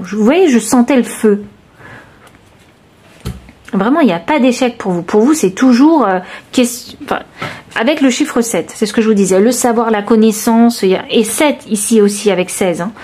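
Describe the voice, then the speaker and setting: A woman reading tarot cards for her viewers, talking straight to them in a searching, reassuring way with many pauses and restarts. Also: a little high, a little mellow. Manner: intimate, reassuring, addresses viewer directly. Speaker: tarot reader. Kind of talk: intuitive tarot reading to camera.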